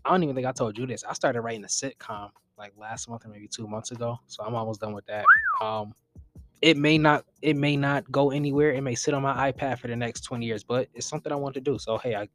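A man in his twenties co-hosts a casual podcast, speaking fast in a medium-pitched voice over background music. He talks earnestly and motivationally about goals and chasing dreams, with frequent hesitant ums.

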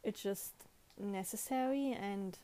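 A young woman hosting a podcast talks casually in English with a German accent, often restarting sentences and correcting herself. Her mid-range voice is slow and mellow.

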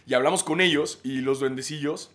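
A man's voice: mid-range voice, fairly quick. A man in his thirties with a Mexican accent, a podcast host telling a story casually with lots of slang and laughter. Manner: animated, slangy, laughs often.

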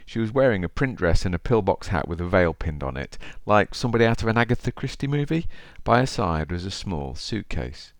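Speaking fairly quickly with few pauses and big swings in pitch, a low-voiced podcast host from Derby talks and reads a story straight to his listeners. His East Midlands accent colours the casual, chatty solo show, which has studio-quality sound with no room noise.

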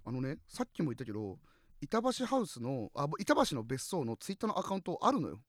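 A young man co-hosting a comedy radio talk show, animated and teasing as he reads posts aloud. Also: mid-range voice, fast talker, dry recording, studio quality. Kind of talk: casual comedy chat.

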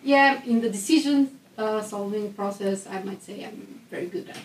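A woman's voice: mid-range voice, normal speed. A young woman from Albania with an Albanian accent, speaking casually as a student guest in an interview. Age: young adult. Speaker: student election candidate, guest. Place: echoey room described as a recording studio. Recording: roomy echo, distant mic, faint noise.

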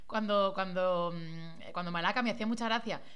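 A woman's voice: medium pitch, normal speed, clear, resonant tone. A woman hosting a casual interview, chatty and encouraging toward her guest. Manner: chatty, warmly encouraging, friendly. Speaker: host.

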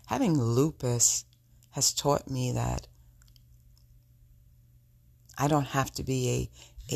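A woman hosts a reflective solo podcast in a sultry, intimate manner. Her voice is husky and gravelly, full of creak. She takes her time, speaking slowly and directly to her listeners. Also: rumbling low. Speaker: podcast host.

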